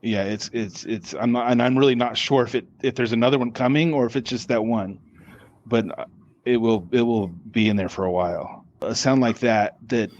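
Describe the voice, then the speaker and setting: A man's voice: medium pitch, darkish tone, no room sound, lo-fi sound. A man, a podcast guest, answering interview questions casually, often stopping and restarting his words. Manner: halting, with many restarts and repeated words.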